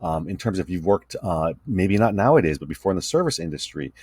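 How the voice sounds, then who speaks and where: A man's voice: low voice, lively intonation, brisk, a little mellow, husky, no echo. A man teaching a recorded lecture over slides, talking conversationally and often checking in with "right?". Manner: conversational, tag questions "right?" and fillers. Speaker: communication instructor.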